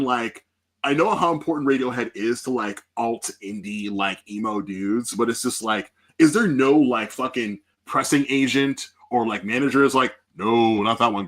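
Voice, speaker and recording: A man hosting a casual music podcast, talking in a loose, profane and animated way into a podcast mic. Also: medium pitch. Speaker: podcast host.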